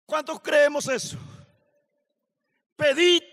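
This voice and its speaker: A man preaching a sermon at a youth camp, slow and emphatic, building to shouted questions. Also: extremely high pitch, fairly even intonation. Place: large hall at a youth camp. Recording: long hall reverb.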